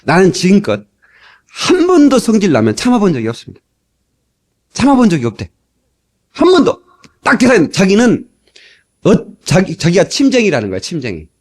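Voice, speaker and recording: A man's voice: high-pitched, normal speed, pauses often. A middle-aged man preaching a storytelling sermon, acting out the people he quotes, from an old cassette tape. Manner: animated, acts out quoted people. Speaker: pastor.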